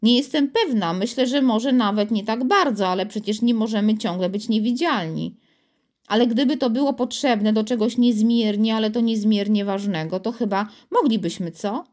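A woman voicing a gentle, careful young girl. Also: fairly high pitch, moderate pace, lightly acted.

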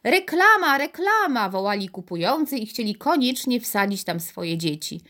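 Expressive woman reading a children's story. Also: medium pitch, moderate pace. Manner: expressive, animated.

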